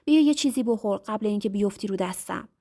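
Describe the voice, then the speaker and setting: A woman's voice: medium pitch, warm tone, close to an everyday voice. A woman voicing a cocky, teasing young husband in a told story. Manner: teasing, mocking.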